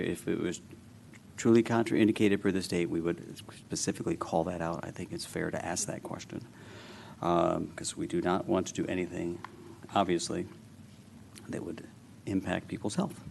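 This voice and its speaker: Man, mayor, very deep voice, gravelly, casual and reassuring. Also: little pitch movement, fairly quick, a little mellow, slight background noise. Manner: casual, reassuring, plain-spoken. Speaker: mayor chairing the meeting. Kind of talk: chairing a public meeting. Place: city council chamber.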